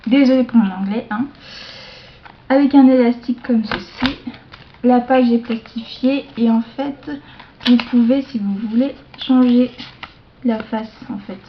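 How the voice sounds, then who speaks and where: A woman showing off a shopping haul to her viewers in a casual show-and-tell, hesitant, with many fillers and self-corrections, slipping into soft asides. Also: a little high, a little hiss or hum. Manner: slow, chatty, drops into soft asides. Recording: dull lo-fi home video sound.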